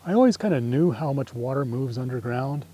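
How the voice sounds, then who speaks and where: A middle-aged man leads a nature walk along a farm trail, giving an informal, reflective talk in a tentative way and often letting his phrases trail off. He speaks a little fast in an expressive, mellow, medium-pitched voice, with a little hiss or hum in the recording.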